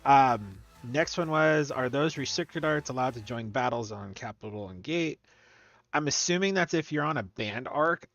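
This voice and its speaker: A man's voice: medium pitch, animated, moderate pace, fairly bright tone, faint music behind. A man hosting a gaming stream, reading game rules aloud and debating them in casual chat. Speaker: streamer host.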